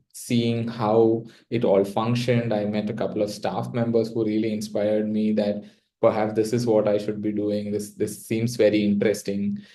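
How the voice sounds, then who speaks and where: A young man with a South Indian accent speaks in a fairly low, relaxed voice. His pitch stays within a narrow, even range as he talks casually and reflectively about himself, often pausing mid-sentence. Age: young adult. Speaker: interview guest. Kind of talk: reflective personal storytelling in casual talk.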